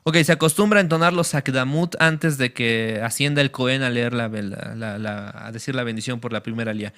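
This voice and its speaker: Bright-voiced man teaching a class. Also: medium pitch, brisk. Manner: explanatory, checks understanding with the class, many fillers. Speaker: religious teacher.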